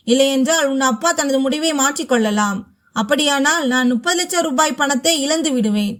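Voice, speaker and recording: A scheming, money-hungry young husband from a spoken storybook tale, as a woman narrator puts him on. The voice is dropped low and clipped but keeps a high edge. It sounds cold and brusque. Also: a bit bright.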